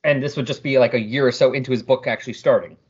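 A man's voice: mid-range voice, steady tone, very fast, husky, highs cut off. A male podcast co-host chatting about a comic issue and reading its captions aloud. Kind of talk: casual comic book discussion.

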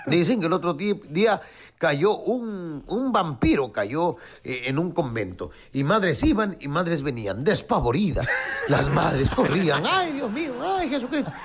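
Guy from acapulco doing stand-up jokes on the radio, has a cold, high voice, laughs at his own jokes. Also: a little slow, husky. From Acapulco, Guerrero, Mexico. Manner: animated joke teller, laughs at his own punchlines. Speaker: guest comedian. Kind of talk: stand-up joke telling on radio.

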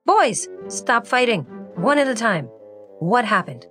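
A patient cartoon mother who keeps her two boys in line. Her voice is calm and firm, with a lively swing in pitch. A soft layer of music sits under her lines. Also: measured pace. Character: patient mother calming two bickering sons. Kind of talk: children's audio story acting.

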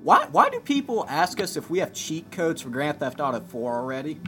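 A man's voice: fairly high pitch, big pitch swings, a little fast, fairly bright tone. A young man co-hosting a casual gaming podcast, laid-back and wry. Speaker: podcast co-host, game store worker.

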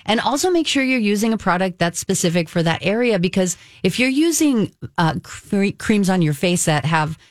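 A woman's voice: mid-range voice, animated, normal speed, few pauses, no echo, clean studio sound. A woman in her fifties, a beauty expert co-hosting a casual radio chat, talking in an upbeat, encouraging, emphatic way. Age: 50s.

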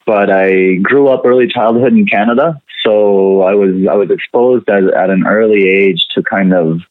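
Deep-voiced man on a tinny line. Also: dry recording. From Venezuela. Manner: thoughtful, halting, many restarts. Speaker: guest. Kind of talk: interview conversation.

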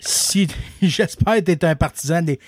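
A man's voice: a little high, measured pace, background noise. A man with a Québécois French accent hosting a podcast in casual chat, rambling with many restarts and fillers. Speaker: podcast host.

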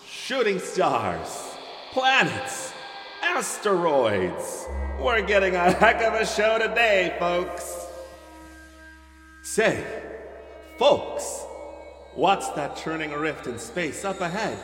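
A man's voice: high voice, sing-song, drawn-out words, over music, full character voice. An actor playing a folksy, cheerful male theme-park ride captain who talks in hammy showman patter. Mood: thrilled. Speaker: ride narrator. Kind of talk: scripted ride spiel. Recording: echoey hall with background noise.

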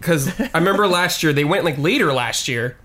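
A man's voice: a little high, lively intonation, brisk, a bit bright. A man co-hosting a casual gaming podcast, joking and teasing the others. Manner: jokey, teasing. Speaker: podcast co-host. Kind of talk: casual chat.

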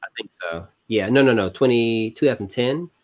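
Laid-back podcast host. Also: male voice, medium pitch, moderate pace. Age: 30s. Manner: relaxed, lots of fillers and repeats. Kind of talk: casual chat.

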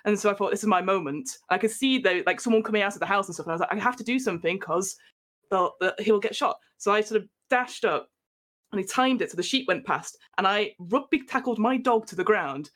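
Fast and fairly bright, with a mid-range voice, this northern English woman from the northwest rambles through a story and pokes fun at herself. She's a podcast guest in a relaxed storytelling chat.

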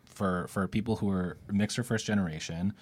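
Young male podcast host, very low husky voice, easygoing, filler-heavy questions. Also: normal speed. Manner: relaxed, rambling questions with many fillers. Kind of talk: casual interview chat.

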